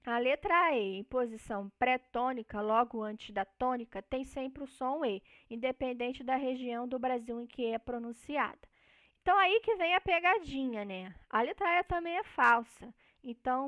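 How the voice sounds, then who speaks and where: A woman's voice: high-pitched, fairly bright tone, no echo. A woman from Brazil teaching a recorded linguistics lesson, explaining step by step and often checking in with short tag questions. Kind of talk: recorded online lecture on linguistics.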